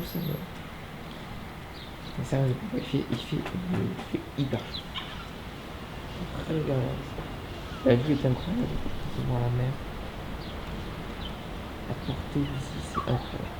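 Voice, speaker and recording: A chatty young vlogger with a medium-pitched voice gives a casual tour of his apartment, moving between indoors and a balcony. He jokes a lot and uses many fillers, and the recording is very noisy.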